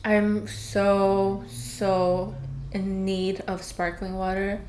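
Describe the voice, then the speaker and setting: Casting: woman food vlogger, casual and halting mukbang chat between crunchy bites, roomy echo with faint noise behind. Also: mid-range voice, monotone, darkish tone. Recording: echoey room, faint background noise.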